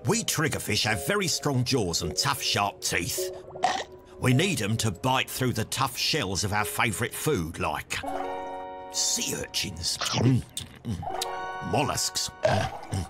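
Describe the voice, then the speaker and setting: A man's voice: fairly low pitch, very animated, takes it slowly, over music. A man voicing a cocky, territorial triggerfish tough guy in an educational cartoon, brash, boastful and slangy.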